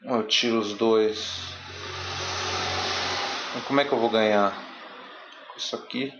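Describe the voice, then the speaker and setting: A young man from Brazil giving casual, slangy commentary while he plays a card game, muttering to himself with sudden excitable bursts. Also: on the low side, a little slow, highs cut off, background noise. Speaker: streamer playing a card game.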